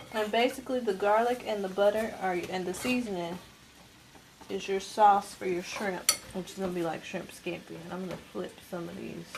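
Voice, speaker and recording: A woman's voice: medium pitch, creaky. A woman in her twenties hosting a live cooking demonstration, talking casually to her viewers and laughing easily. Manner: chatty, talks to viewers directly, laughs easily. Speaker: cooking show host. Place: home kitchen. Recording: kitchen noise from frying pans. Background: sizzling pans and utensil clatter.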